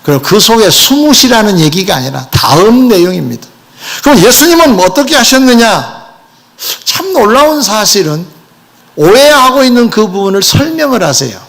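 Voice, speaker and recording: A man preaching a sermon as pastor, animated and addressing the congregation with rhetorical questions. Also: high-pitched, normal speed, gravelly.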